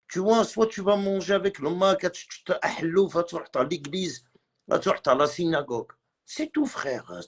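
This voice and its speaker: Heated and repeating himself, a man on a live stream rants in a high, husky voice, switching between French, Arabic and Kabyle.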